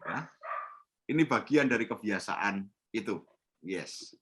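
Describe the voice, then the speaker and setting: Pria pelatih bersuara terang dan tegas. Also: male voice, fairly high pitch, lively intonation, normal speed, bright, forceful tone. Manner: instructive, repeats key points with a tag "ya". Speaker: storytelling trainer. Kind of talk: online training webinar. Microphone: video call.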